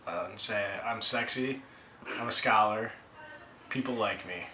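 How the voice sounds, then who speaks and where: A man's voice: on the low side, unhurried, bright, forceful tone, reverberant, a little hiss or hum, rough recording. A twenty-three-year-old man giving thoughtful, slightly joking interview answers.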